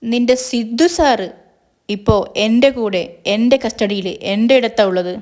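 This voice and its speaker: A woman's voice: on the high side, normal speed, natural voice. A woman voicing a male villain who mocks and threatens over the phone. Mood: taunting. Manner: mocking, taunting, threatening. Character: menacing male villain, gloating kidnapper.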